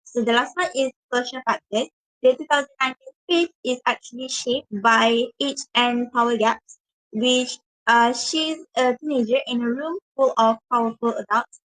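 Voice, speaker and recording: A woman's voice: fairly high pitch, steady tone, normal speed, a bit bright, no room sound, low-quality recording. A young woman presenting her part of a university class talk, reading notes with many fillers and restarted words. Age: young adult.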